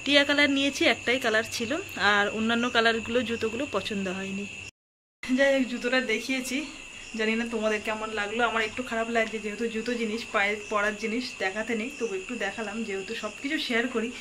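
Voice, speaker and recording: A woman in her thirties talks quietly to her vlog viewers from her home kitchen. Her voice sits a little high and stays low in volume, and crickets chirp clearly in the background. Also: steady tone, a little fast, background noise. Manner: hushed, keeps her voice low. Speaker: family vlogger. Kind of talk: casual home vlog chat.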